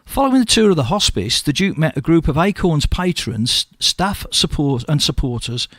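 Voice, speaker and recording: A man hosting a local radio show from the studio, with a West Midlands English accent, croaky from a cold, chatting and reading news items with slips and restarts. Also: fairly high pitch, sing-song, normal speed, fairly bright tone, dry recording. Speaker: radio host.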